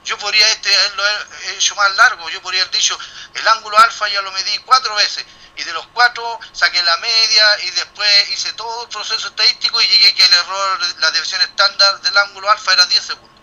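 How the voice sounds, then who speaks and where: Bright-voiced man teaching a class. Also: high-pitched, steady tone, a little fast, rough recording. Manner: thinking aloud, with many restarts and rhetorical questions. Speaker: university lecturer. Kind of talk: classroom explanation.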